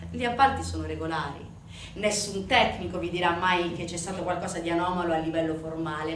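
Using a fairly low pitch close to her everyday voice, a solo-show actress delivers a theatrical narrative monologue on organized crime. Her character is an indignant, sardonic storyteller who puts emphatic rhetorical questions to the audience, and the stage recording sounds roomy and distant with faint noise.

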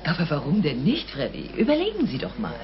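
Chatty society mother, animated intonation. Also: lowish voice, fast, a crowd in the background, heavily acted. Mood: sociable. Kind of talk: dubbed mystery drama acting. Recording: dull band-limited audio with clear noise.

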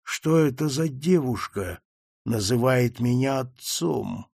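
A man's voice: mid-range voice, lively intonation, gravelly, no echo, clean studio sound, full character voice. A man voicing a frail old confused marquis. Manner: slow, hushed, trembling speech.

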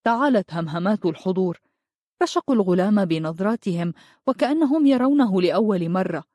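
A woman reading a first-person novel aloud in a steady, expressive storytelling manner. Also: mid-range voice, brisk, no room sound, clean studio sound. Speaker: narrator. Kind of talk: audiobook narration of a novel.

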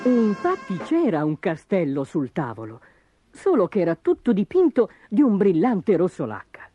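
A woman narrating a children's storybook in an expressive, dramatic way. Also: fairly low pitch, moderate pace, husky. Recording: dull lo-fi audio with music behind.

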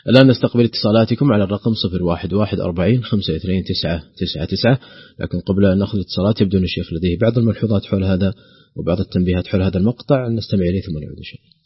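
Rapid low-voiced radio host. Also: male voice, husky, no room sound. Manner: rapid, formal announcing. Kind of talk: live radio hosting. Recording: dry, dull lo-fi radio broadcast.

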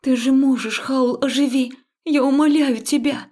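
A desperate young heroine, read by a woman narrating a fantasy audiobook, pleading urgently. Her voice is raised higher and louder than the narration and carries a gravelly creak. Every line presses with emotion. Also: steady tone, normal speed. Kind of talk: audiobook character voice.

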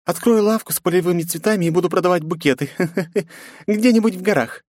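A man's voice: a little high, lively intonation, fairly quick, darkish tone, no echo, clean studio sound, voice pushed up. A man voicing a defiant, sarcastic eighteen-year-old princess in an audiobook, with cheeky, mocking retorts.

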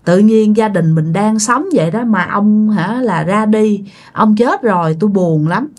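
A woman's voice: medium pitch, unhurried, darkish tone, close to an everyday voice. A woman with a Southern Vietnamese accent voicing a grieving widow who pleads with and scolds her dead husband. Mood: sorrowful.

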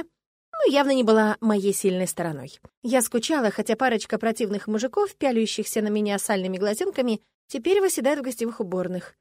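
A woman's voice: on the high side, darkish tone, no room sound, studio quality. A woman narrating a first-person audiobook in a wry, ironic manner.

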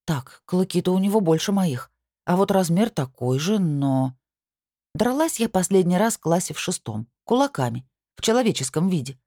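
A woman reading an audiobook in first-person scripted narration with a lively, wry storytelling manner. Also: lowish voice, normal speed, no echo, studio quality.

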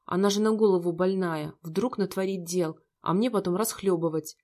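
A woman's voice: on the low side, normal speed, darkish tone, close to an everyday voice. A woman voicing a cold, bitter rich young man who talks in a harsh, scornful way.

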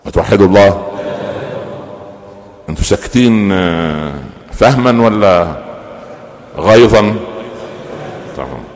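Older man, Egyptian Arabic accent, religious lecture, quizzes the audience, reverberant hall. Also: fairly low pitch. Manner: animated, asks the audience questions and pauses for answers. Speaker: preacher.

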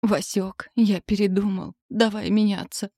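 A woman voicing a fretful young husband in labor, with shrill, anxious outbursts. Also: level tone, unhurried, mellow, no room sound, clean studio sound. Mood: groaning.

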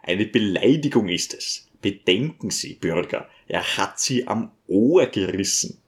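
A man voicing a smooth, scheming male visitor who talks in a coaxing, ingratiating way. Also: fairly low pitch, expressive, unhurried.

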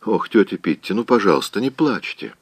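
A man's voice: on the low side, sing-song, fairly quick, dry recording. A man voicing a spoiled, wilful young woman who pleads and storms, in an audiobook reading. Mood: petulant pleading.

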